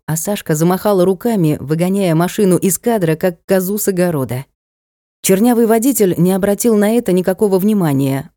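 A woman's voice: on the low side, warm tone, no room sound, clean studio sound. A woman narrating a novel aloud, lifting her voice for the characters' lines. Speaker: audiobook narrator.

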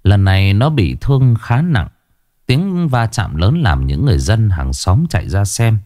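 Expressive male ghost-story narrator. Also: lowish voice, measured pace, dry recording, clean studio sound.

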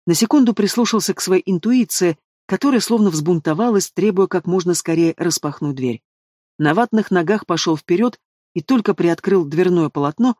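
A man reading a fantasy audiobook in the first person, expressive and dramatic. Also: high-pitched, dry recording, clean studio sound. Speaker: audiobook narrator.

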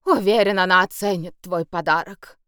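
A woman voicing a tipsy, pompous male elf bard in an audiobook, talking in a high, flowery, theatrical way. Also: moderate pace, pushed and bright, clean tone, no echo, clean studio sound.

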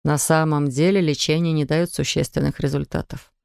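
A woman reading an audiobook, voicing a gravely ill man who speaks low and drawn out with quiet resignation. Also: steady tone, normal speed, no room sound, clean studio sound. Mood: resigned. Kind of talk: audiobook character voice.

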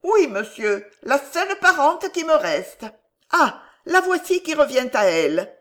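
Brief: woman doing a sly old aunt in a storybook, high and fussing. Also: big pitch swings, a little slow, fairly bright tone, heavily acted. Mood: coaxing. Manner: coaxing, soothing.

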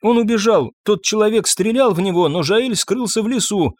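A man's voice: sits high, animated, moderate pace, dry recording, voice pushed up. A man voicing a frightened young girl in an audiobook, pleading and crying out in a raised voice. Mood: tearful pleading.

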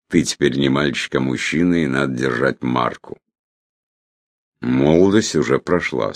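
A man reading a reflective memoir as audiobook narration, in a measured way with phrase ends that trail off. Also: a bass voice, gravelly, dry recording, clean studio sound.

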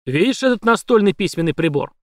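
A man voicing a menacing, bullying armed police chief who barks loud threats. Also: sits high, animated, quick pace, no echo, clean studio sound, pitched above the performer's own voice. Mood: threatening.

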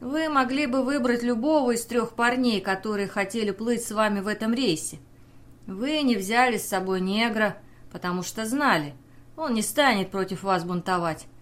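A woman's voice: on the high side, normal speed, lightly acted. A woman reading the part of a desperate male sailor who pleads with and accuses his captain. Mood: pleading. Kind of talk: audiobook character reading.

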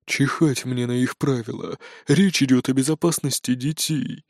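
A man's voice: medium pitch, steady tone, normal speed, dry recording, clean studio sound, lightly acted. A man voicing a weary, grumbling boss. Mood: stern. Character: tired gruff middle-aged man in charge. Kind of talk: audiobook character voice.

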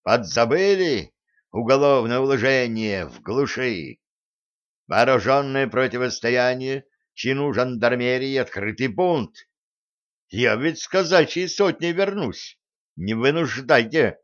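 A man voicing a stern middle-aged gendarme captain with a resonant, trained voice who barks drawn-out orders. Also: medium pitch, expressive, fairly bright tone. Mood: threatening. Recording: slightly dull recording.

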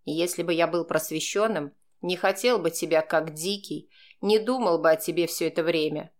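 Woman doing a cold mocking man, lowered voice, slow sneering delivery, calm menace. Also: close to an everyday voice. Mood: menacing. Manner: slow, sneering, coldly composed. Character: smug manipulative blackmailing man, calm and mocking.

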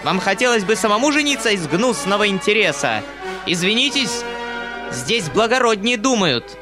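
A man voicing a shrill, furious, domineering noblewoman who scolds and shrieks at everyone. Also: big pitch swings, normal speed, over music. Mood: shrieking fury.

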